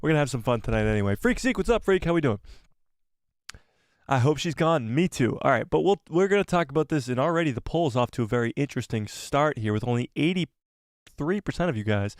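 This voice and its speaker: A man with a cold who is losing his voice hosts a casual live stream, chatty and excitable as he greets viewers and reads out the chat. His voice is mid-range and brisk, in a dry recording of studio quality.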